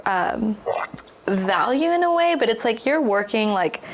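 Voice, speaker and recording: A woman guest on a podcast, a little hoarse, talking in a rambling, animated way with lots of restarts and fillers. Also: on the high side, unhurried, slight background noise, low-quality recording. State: hoarse, losing her voice. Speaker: podcast guest, visual artist. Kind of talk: casual conversational interview.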